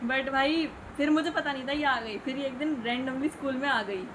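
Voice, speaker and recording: Young woman, high-voiced, playful and teasing; clear background noise. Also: normal speed. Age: young adult. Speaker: vlogger's best friend. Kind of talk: casual chat.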